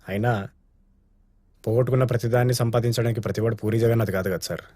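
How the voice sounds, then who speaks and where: A man's voice: medium pitch, slight background noise, close to an everyday voice. An actor with a Telugu accent playing a cheeky, chatty man who keeps calling someone sir in a film drama. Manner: fast, chatty, flattering, keeps saying sir. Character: cheeky talkative listener with a recorder.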